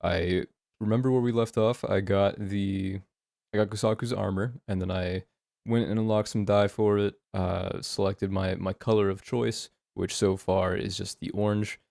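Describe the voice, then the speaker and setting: A man with a West Coast American accent talks through a game in a low voice with a gravelly fry. His delivery is casual and rambling, full of hesitant thinking aloud. The sound is close and dry. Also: steady tone, normal speed, a little mellow, dry recording. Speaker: gaming host doing a playthrough. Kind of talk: casual unscripted gameplay commentary.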